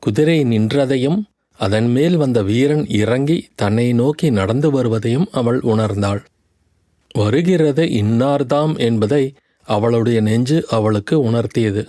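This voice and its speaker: A man narrating a historical novel in a measured, literary storytelling manner. His voice is warm and dark. The recording is dry and close, with no room sound. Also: medium pitch, no echo. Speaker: audiobook narrator. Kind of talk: scripted narration.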